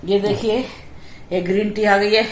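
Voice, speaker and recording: A woman's voice: medium pitch, fairly even intonation, measured pace, slight background noise. Chatty woman telling a story, echoey room. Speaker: vlogger. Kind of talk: casual storytelling.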